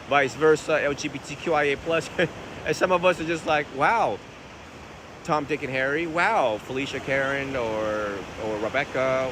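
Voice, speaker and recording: A Buddhist monk from Vietnam talks through viewers' questions in a loose, conversational manner, often posing rhetorical questions. His voice sits a little high for a man. He records outdoors on a phone by the ocean, with plain wind and waves in the background. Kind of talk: casual outdoor Q&A talk.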